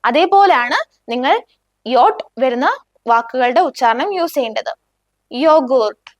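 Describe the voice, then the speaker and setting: Woman teaching german, says every word twice real slow and clear. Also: high voice, animated, no echo. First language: Malayalam. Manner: slow, clear, repeats each word for the learner. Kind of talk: beginner language lesson.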